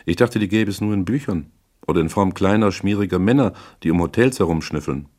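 A man's voice: sits low, darkish tone, pitched above the performer's own voice. A man voicing a haughty rich young woman. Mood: cool. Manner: cool, mocking, quick to flare up.

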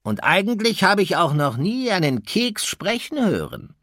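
Sly hungry storybook fox, a man reading him, slow mocking drawl. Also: high-pitched, sing-song, a bit bright, no room sound, studio quality, heavily acted. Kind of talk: audiobook reading.

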